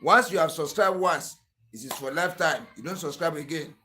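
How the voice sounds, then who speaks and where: A man's voice: a little high, brisk, bright, forceful tone, slight background noise. Earnest Nigerian man teaching a tutorial. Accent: Nigerian English. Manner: repetitive, earnest, pleading. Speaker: clipper-blade sharpening tutor and channel host. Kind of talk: tutorial narration.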